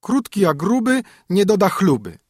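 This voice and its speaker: A haughty young princess from a storybook tale, mocking and sing-song, her voice pitched high and swooping, as a man puts her on. The sound is husky and dry, close to the mic. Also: sing-song, normal speed, dry recording. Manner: sing-song, scornful rhyming.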